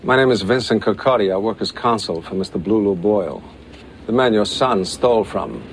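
A low-voiced, cold mob consigliere in a film scene, measured and quietly threatening. He speaks slowly, every word a warning, over faint background noise from the film's sound. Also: expressive, low-quality recording. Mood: menacing. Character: menacing male mob consigliere, cold and calm. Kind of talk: film drama dialogue.

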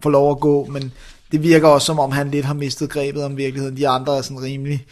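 A man's voice: mid-range voice, completely flat delivery, a little mellow. A man co-hosting a casual film review show, talking enthusiastically with lots of hesitations. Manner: enthusiastic, many fillers and restarts. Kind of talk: casual chat reviewing films.

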